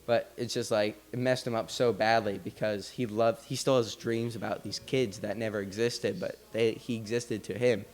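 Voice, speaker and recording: A man with a low voice tells a story on a podcast. He talks in a loose, casual way and restarts his sentences often. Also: steady tone, normal speed, few pauses. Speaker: podcast host.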